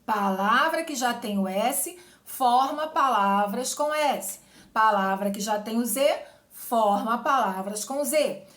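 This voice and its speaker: Lady teacher going over spelling rules, kinda high voice, slow on the examples, echoey room. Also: animated, fairly bright tone. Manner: explains patiently, stretches example words slowly, asks "certo?" often. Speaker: Portuguese teacher. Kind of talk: exam-prep grammar lesson.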